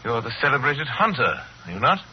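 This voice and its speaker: An actor playing a cultured, sinister general and obsessive hunter, suave, courtly and boastful, in 1940s radio drama style. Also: male voice, medium pitch, big pitch swings, a little fast, close to an everyday voice. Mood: courtly, gracious. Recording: noisy, dull 1940s radio recording.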